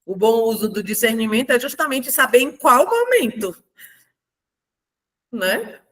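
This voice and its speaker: A woman's voice: fairly high pitch, big pitch swings, measured pace. A woman hosting a reading group, reflecting on the book with light laughs. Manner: reflective, with laughs between points. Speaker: book club host. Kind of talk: casual group discussion.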